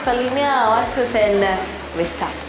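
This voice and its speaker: A woman's voice: fairly high pitch, expressive, a little slow, noisy background. A woman with a Kenyan accent hosting a casual interview, switching between languages as she talks. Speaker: show host and interviewer. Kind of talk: casual interview, mixing English and Swahili. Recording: echoey room, music behind.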